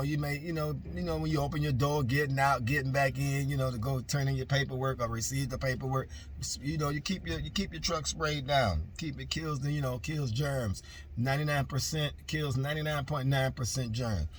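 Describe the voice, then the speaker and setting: A man's voice: medium pitch, slight background noise. Rambling trucker man vlogging. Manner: rambling, repeats "ladies and gentlemen", many fillers. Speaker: truck driver; minister. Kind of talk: casual vlog talk.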